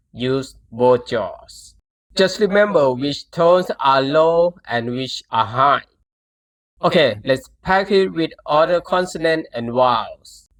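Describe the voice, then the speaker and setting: A man's voice: a little high, a bit bright. A man with a Thai accent teaching a pronunciation lesson, speaking patiently and repeating syllables for the learner to copy.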